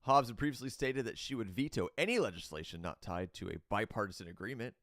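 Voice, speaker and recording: A man's voice: on the low side, lively intonation, quick pace, fairly bright tone, dry recording, studio quality. A man hosting a show, reading crypto news aloud and breaking into blunt, opinionated rants, with loose fillers and restarts. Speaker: host.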